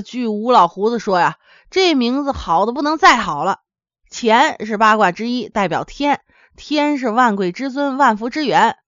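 A storyteller from Henan, China, a woman with a fairly high voice, spins a folksy comic tale, chatting straight to her listeners. The recording is dull, dry and lo-fi, with no room sound.

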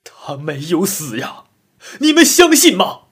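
Male storyteller as a young soldier in grief, tearful murmur, husky. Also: high-pitched, huge pitch swings, unhurried, voice pushed up, heavily acted. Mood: anguished shouting. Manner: tearful, murmuring, bursts into shouts. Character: grieving young male soldier, mourning a comrade.

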